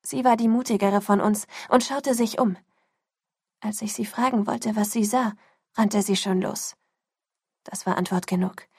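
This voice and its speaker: A woman reading a first-person story as audiobook narration, sinking into a hushed whisper at tense moments. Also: mid-range voice, steady tone, measured pace, slightly rough, dry recording, studio quality.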